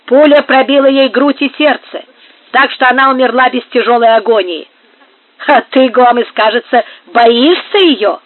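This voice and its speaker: A reader voicing a coarse, fearless male soldier who talks loudly and mockingly in an audiobook. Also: medium pitch, normal speed, no echo, natural voice. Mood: blustering. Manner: loud, blustering, mocking. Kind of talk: audiobook character voice. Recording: tinny phone-like sound.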